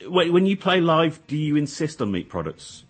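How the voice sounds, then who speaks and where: A man interviewing casually in a halting, tentative way, often restarting his questions. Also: a little high, very animated, slightly rough, soft background music.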